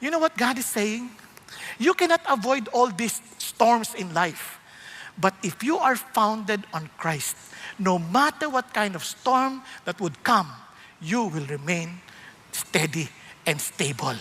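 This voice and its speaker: A man with a Filipino accent preaching a sermon as a pastor, telling stories in an animated, humorous way. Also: high voice, slow.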